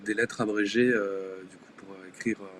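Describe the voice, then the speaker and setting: With a fairly low, steady and slightly bright voice, a young Danish man chats at a moderate pace on a casual live stream, appearing as a guest illustrator and tattoo artist. He isn't a native French speaker, and his talk is hesitant, peppered with fillers and restarts. A little hiss or hum can be heard.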